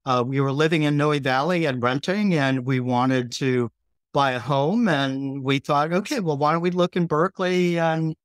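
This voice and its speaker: Middle-aged man, steady and explanatory. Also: fairly high pitch, moderate pace, no room sound, clean studio sound. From San Francisco Bay Area, California. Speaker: city councilmember, guest. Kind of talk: interview conversation.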